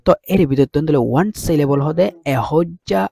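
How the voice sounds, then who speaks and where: A man's voice: fairly high pitch, a little fast, creaky, warm tone. A man teaching English grammar, explaining step by step and often checking that students follow. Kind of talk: lesson in a regional dialect mixing English terms.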